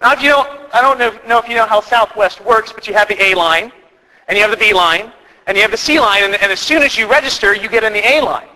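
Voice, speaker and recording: Bright-voiced priest telling stage stories. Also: male voice, sits high, fast talker, long reverb tail, poor audio. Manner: chatty, self-deprecating, acts out quotes. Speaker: priest doing stand-up comedy. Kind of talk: live stand-up storytelling. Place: parish hall with live audience.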